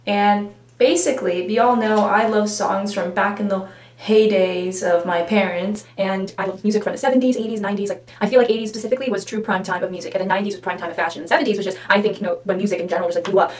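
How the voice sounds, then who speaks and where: A woman's voice: medium pitch, fairly even intonation, fast talker. A young woman vlogging to her camera, chatty and rambling with lots of fillers. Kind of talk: casual vlog chat. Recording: roomy echo.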